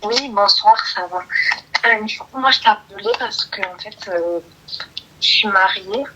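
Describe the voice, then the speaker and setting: A woman calling in to a live show, talking hesitantly with many pauses. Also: mid-range voice, background noise. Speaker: caller. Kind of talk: phone call to a live show. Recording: phone line with clicks.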